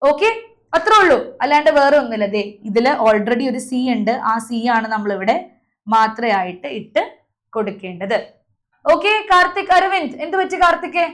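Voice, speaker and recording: A woman's voice: sits high, lively intonation, moderate pace. A young woman teacher leading an online class, calling on students by name and drilling letter sounds over a video call.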